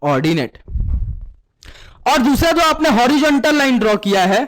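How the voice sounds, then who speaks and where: With an extremely high pitch, lively intonation, and a somewhat bright tone, this man teaches math at a brisk clip. Speaking Hindi dotted with English terms, he asks one question repeatedly, answers it himself, and calls students "beta" in a call-and-response class.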